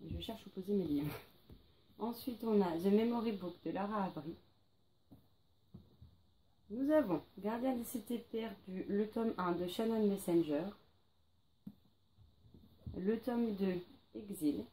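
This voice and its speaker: Chatty woman with a mellow voice. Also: mid-range voice, a little slow, pauses often. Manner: chatty, lists titles with many fillers. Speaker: book vlogger. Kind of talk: casual to-read pile presentation.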